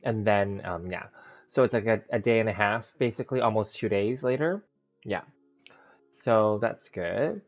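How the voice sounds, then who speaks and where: Low-voiced man lisping from a bitten tongue. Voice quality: slight lisp from a bitten tongue. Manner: rambling step-by-step self-narration. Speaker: live-streaming game host. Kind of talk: casual gameplay livestream chat. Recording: dull, lo-fi sound, background music. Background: music.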